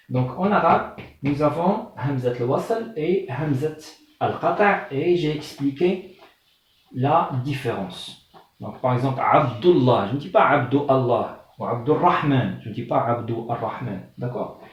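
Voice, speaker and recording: A man with a medium-pitched, darkish voice, recorded far from the mic in a very echoey room, teaches the alphabet in French as an Arabic teacher. He is patient, repeating terms slowly and often saying "euh" and "d'accord?" to make sure the class understands.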